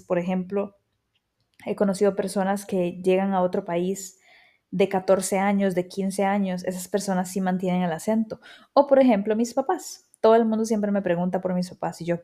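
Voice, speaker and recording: In a medium-pitched, dark-toned voice, a Costa Rican woman in her thirties hosts her podcast, her accent clear. The monologue is personal, reflective and chatty, frequently broken up by quoted asides.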